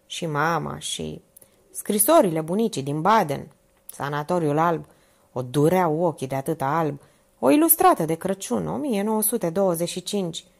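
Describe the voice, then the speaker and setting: A woman voicing a frail, sickly young woman who speaks quietly, detached and resigned to dying. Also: low voice, lively intonation, gravelly, full character voice. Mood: brooding.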